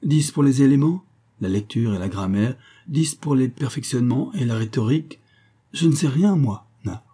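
A man's voice: medium pitch, animated, moderate pace, mellow, husky, voice pushed up. A man voicing a cheeky young husband who plays the innocent schoolboy, reciting in a teasing singsong. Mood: mock-innocent.

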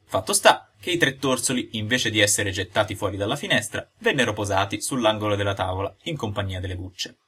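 Guy reading a storybook, lively swoopy delivery, kinda husky voice. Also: lowish voice, a little fast, few pauses. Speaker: audiobook narrator. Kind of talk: expressive storybook narration.

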